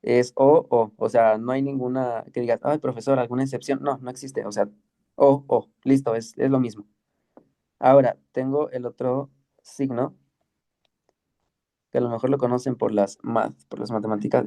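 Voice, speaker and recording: A man teaching the Greek alphabet in an online class, patient and slow, often checking with "¿ok?". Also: medium pitch, steady tone, gravelly, mellow. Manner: patient, explains slowly with many checks like "¿ok?" and "¿sí?".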